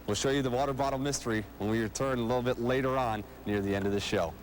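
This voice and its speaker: In an arena civic center, a man who hosts a TV sports show and calls play-by-play speaks fast in a polished broadcast manner, presenting and interviewing. His medium pitch stays fairly even, and the poor recording carries a little hiss or hum.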